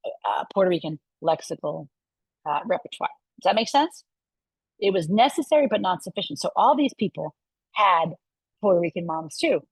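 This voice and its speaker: A middle-aged woman giving a university lecture in a lively way, often checking in with her listeners. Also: medium pitch, slightly rough, no room sound, rough recording. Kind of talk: lecture to a live audience.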